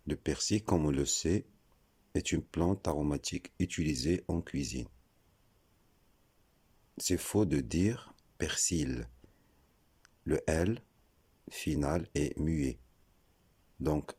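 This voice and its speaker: Very deep, slow-spoken man teaching French. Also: dark tone, breathy edge. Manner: slow, deliberate, spells out letters. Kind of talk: scripted explanatory lesson.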